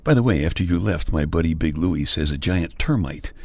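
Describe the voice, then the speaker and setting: A man's voice: low voice, expressive, brisk, darkish tone, dry recording. An older man hosting a podcast in a playful, folksy monologue with mock-grumbling humor. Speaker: podcast host. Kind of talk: personal humorous storytelling monologue.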